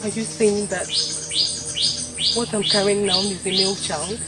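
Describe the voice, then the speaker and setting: A woman's voice: mid-range voice, steady tone, a little slow, close to an everyday voice. A woman with a Nigerian accent playing an earnest, pleading queen in a film drama, with formal phrasing. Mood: confused, pleading. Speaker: actor. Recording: prominent film music behind the voice. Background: music.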